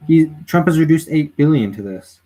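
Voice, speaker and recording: A man's voice: fairly high pitch, animated, moderate pace, warm tone. A man casually commenting on a livestream, exclaiming and swearing freely with frequent laughs. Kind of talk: casual live-stream commentary.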